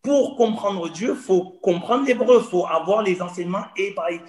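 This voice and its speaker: A man's voice: sits high, normal speed. A man in his forties from Cameroon, telling his personal story as a guest in an earnest, repetitive way. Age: 40s. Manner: earnest, storytelling, repeats phrases. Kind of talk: personal testimony in conversation. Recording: roomy echo.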